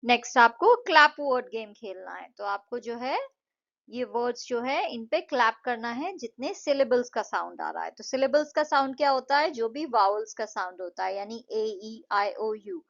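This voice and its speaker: Woman tutor, slightly high voice, patient and slow on key words, dull lo-fi recording. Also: animated, vocal fry, a bit bright. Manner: patient, repeats words slowly to show syllables. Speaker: English tutor. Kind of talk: Hindi-English explanation of a textbook lesson.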